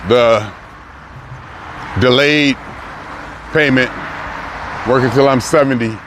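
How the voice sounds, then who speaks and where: Man in his sixties, mid-pitched, thinking aloud, pauses and restarts, outdoors, traffic noise. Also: fairly even intonation. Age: 60s. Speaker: vlogger. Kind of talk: reflective personal vlog. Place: outdoors on a city street, walking. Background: passing cars and street noise.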